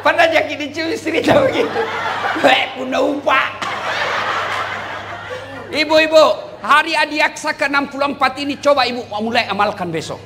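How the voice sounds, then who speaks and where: A middle-aged man preaching a humorous sermon with a Makassarese Indonesian accent, teasing and animated, rising to shouts. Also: extremely high pitch, moderate pace, background noise. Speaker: Islamic preacher.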